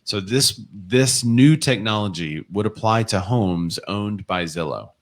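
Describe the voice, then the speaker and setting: Low-voiced man reading comments aloud. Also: measured pace. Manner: reads viewer comments and articles aloud, chatty. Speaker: co-host of a real estate show. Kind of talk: casual livestream chat.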